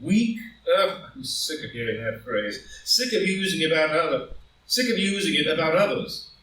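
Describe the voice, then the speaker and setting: In a live group reading of a stage drama, a man plays a proud, ambitious rich gentleman defending his guilty secret, delivering lines in an impassioned, grandiloquent, emphatic way. His fairly high voice is animated and moves at normal speed, sounding indignant and defiant. The indoor room recording is roomy and distant from the mic, with a little hiss or hum.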